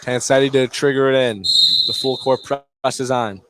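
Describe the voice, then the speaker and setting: A man does radio play-by-play of a live basketball game from courtside in an indoor high school gym, calling the action in clipped fragments. He has a medium-pitched voice with fairly even intonation at a normal speed, and the recording is very noisy.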